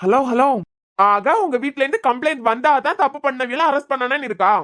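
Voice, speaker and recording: In cartoon voice acting, a woman with a Kanyakumari Tamil accent plays a stern young male doctor who scolds and interrogates with a pressing mood. Her voice sits high, a bit bright, at a quick pace.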